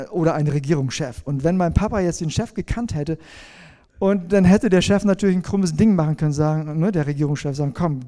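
A man preaches a sermon conversationally, asking his listeners questions and slowing down on key phrases. His voice is high, with a dark tone.

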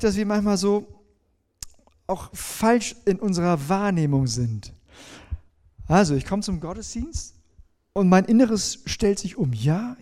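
A man preaching a sermon in a conversational way, asking his listeners questions and slowing down on key phrases. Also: sits high, warm tone.

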